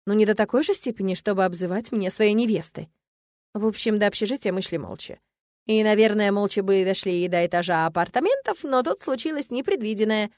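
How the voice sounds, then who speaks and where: A woman narrating a first-person audiobook with lively storytelling. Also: mid-range voice, fairly quick, dry recording, clean studio sound. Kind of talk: scripted narration.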